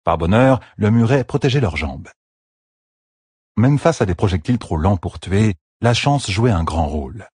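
A man narrating a fantasy battle audiobook with steady, dramatic storytelling. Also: on the low side, normal speed, husky, no echo, studio quality.

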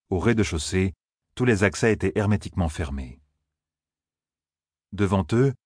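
A man narrating a fantasy novel as an audiobook, with a steady, expressive reading. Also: sits low, no room sound, clean studio sound.

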